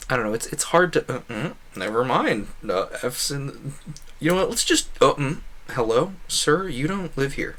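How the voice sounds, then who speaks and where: A livestreaming video creator chats casually over gameplay in a medium-pitched, expressive, slightly bright voice. He rambles in a halting way, often breaking off, correcting himself, trailing off and rephrasing.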